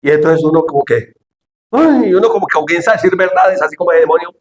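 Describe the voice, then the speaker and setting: A man's voice: on the high side, quick pace, echoey room. A man preaching a sermon, asking the congregation questions and acting out quoted speech with dramatic voices.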